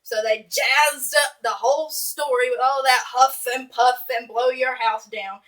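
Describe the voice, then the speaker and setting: Woman playing storybook wolf, high-pitched, bright, theatrical, self-excusing, aggrieved, slightly off-mic. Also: fairly even intonation, a little slow, far from the mic, low-quality recording. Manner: dramatic, exaggerated, indignant asides. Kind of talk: animated read-aloud storytelling for children.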